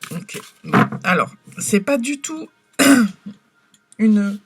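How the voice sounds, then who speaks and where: A woman's voice: mid-range voice, animated, extremely slow, heavy background noise. A woman giving a casual tarot reading to camera, talking hesitantly with lots of fillers and restarts. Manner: hesitant, many fillers and restarts, soft-spoken. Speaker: tarot card reader.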